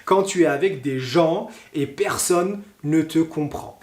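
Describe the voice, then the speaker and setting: Slow, deliberate French teacher, echoey room. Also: male voice, fairly high pitch, a little mellow. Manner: slow, deliberate, with frequent hesitations. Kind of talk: French pronunciation lesson.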